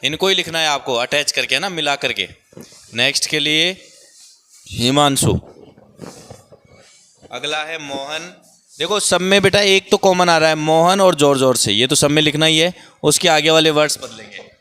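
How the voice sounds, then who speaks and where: A man's voice: fairly high pitch, a little slow, pauses often, bright, forceful tone, smooth. A man teaching a class of small children, calling pupils up by name and coaxing them through each worksheet. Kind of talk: classroom lesson.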